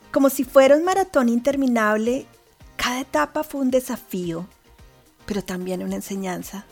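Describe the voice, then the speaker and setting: Emphatic woman hosting a podcast, music behind. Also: fairly high pitch. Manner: warm, emphatic, dramatic delivery. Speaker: podcast host. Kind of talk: podcast monologue. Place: abroad in the United Kingdom.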